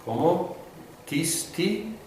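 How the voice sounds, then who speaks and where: A man teaches a class at a slow, unhurried pace, stopping often with fillers and restarting his sentences. He sounds far from the microphone in a strongly echoing room, with a faint hiss underneath. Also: high-pitched, lively intonation, darkish tone. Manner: hesitant, many fillers and restarts. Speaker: Greek teacher. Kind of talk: classroom lecture with call-and-response. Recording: echoey room, distant mic, faint hiss.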